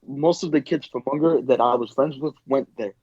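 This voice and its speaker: A man's voice: medium pitch, fairly quick, darkish tone, breathy edge, no room sound. A teenage boy speaks plainly and bluntly in a casual podcast chat. His audio comes through dull and lo-fi. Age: teens. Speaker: podcast co-host.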